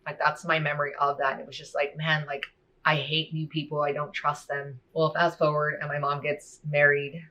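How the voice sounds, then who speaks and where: Speaking softly and reflectively in a low voice, a woman shares a personal faith testimony, often saying "you know" and "like." The recording is muffled.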